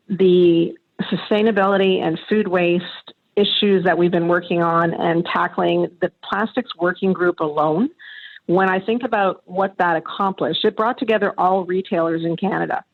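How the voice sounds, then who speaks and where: A woman being interviewed on a podcast, talking earnestly and thoughtfully with frequent restarts. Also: lowish voice. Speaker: interview guest, past association chair. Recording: tinny phone-like remote line.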